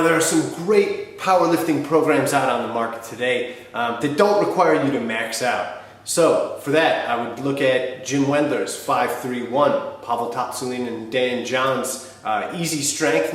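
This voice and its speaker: A man, talking to camera in a direct, colloquial, instructional way as a fitness host. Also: medium pitch. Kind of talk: talking to camera, answering viewer questions. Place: small wood-panelled home gym, indoors. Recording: very echoey room.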